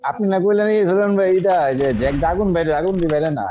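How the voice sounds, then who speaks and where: A man with a colloquial Bangladeshi Bengali accent talking as a teammate in a shooter game, giving quick, urgent calls. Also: high-pitched, dark tone, slight background noise. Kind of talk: casual gaming chat.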